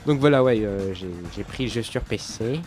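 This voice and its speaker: A young man casually commenting on a shooter game as he plays, rambling, losing his thread and filling pauses with many hesitations. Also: medium pitch, wildly swooping pitch, darkish tone. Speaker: let's play commentator. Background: game sounds and music.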